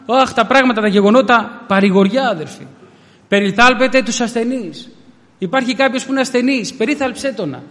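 Male preacher, high voice, storytelling sermon, long hall echo. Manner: addresses listeners as brothers, acts out quoted voices. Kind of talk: sermon with personal stories.

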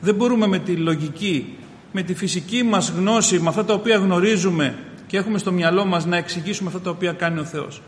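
A man preaching a sermon as a pastor, impassioned, rising loud on key phrases and calling his listeners brothers. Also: high-pitched, a little hiss or hum. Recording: reverberant hall, faint ambience.

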